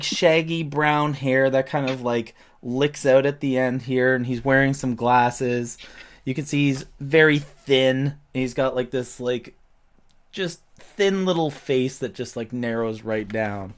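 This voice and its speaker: A man's voice: mid-range voice, slight background noise. A man narrating as game master of a tabletop game, describing scenes loosely with many fillers.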